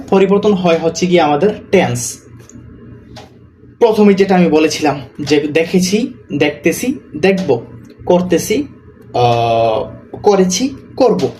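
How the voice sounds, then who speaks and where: Man teaching word by word, slightly higher voice. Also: mellow, slight background noise. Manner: slow, repeats each example word. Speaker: Arabic teacher. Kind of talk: explaining a course PDF.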